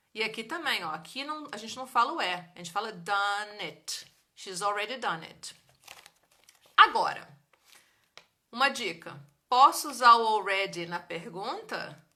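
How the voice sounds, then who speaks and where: Bright, animated woman teaching grammar. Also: on the high side. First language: Portuguese. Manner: lively, chatty, reads and answers comments. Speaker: English teacher. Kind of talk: live-streamed grammar lesson. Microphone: phone or webcam for a live stream.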